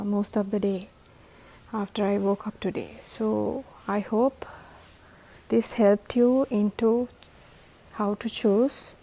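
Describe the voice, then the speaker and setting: A Sri woman talks through plant propagation as host of a home gardening tutorial. Her voice is tired and mellow, and she takes her time with each step. She explains slowly and patiently. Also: medium pitch. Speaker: host of a plant-growing channel.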